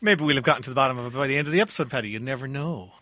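A man's voice: mid-range voice, rapid-fire, pushed and bright. An Irish-accented man presenting a radio quiz show as its host. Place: radio studio.

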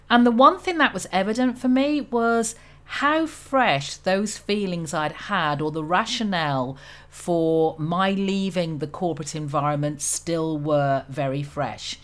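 With a fairly low voice and a Birmingham accent, this woman in her fifties, a podcast host and career strategist from Birmingham, England, introduces her show and chats interview-style, talking self-assuredly about her career.

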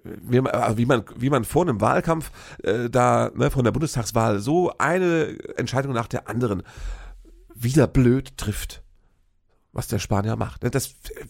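A man's voice: mid-range voice, gravelly. A man in a casual, rambling political rant, sarcastic and full of fillers and restarts.

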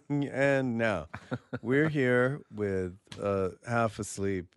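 A man hosting a podcast, chatting casually with teasing, deadpan remarks. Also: mid-range voice, extremely slow, smooth. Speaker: podcast host. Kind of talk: casual banter.

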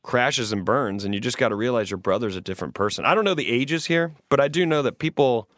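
A man's voice: medium pitch, expressive, quick pace, a bit bright, no room sound, clean studio sound. A man in his late thirties co-hosting an advice podcast, talking things through earnestly in a rambling, restarting way. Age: 30s. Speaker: podcast co-host giving advice. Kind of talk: casual advice chat.

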